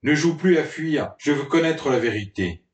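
A man's voice: fairly high pitch, lively intonation, moderate pace, pitched above the performer's own voice, close to an everyday voice. A man voicing a stern, brooding romantic hero who demands answers, in a raised voice. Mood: demanding. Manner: demanding, interrogating. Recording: roomy, distant from the mic.

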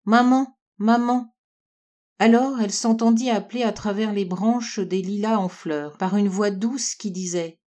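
A woman narrating a storybook in a calm, measured reading. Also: medium pitch.

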